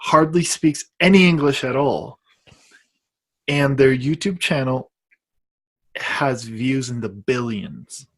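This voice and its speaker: Husky-voiced man rambling through a story. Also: mid-range voice, takes it slowly, long pauses. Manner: rambling storyteller, lots of "and" restarts. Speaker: podcast co-host. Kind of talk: casual podcast chat.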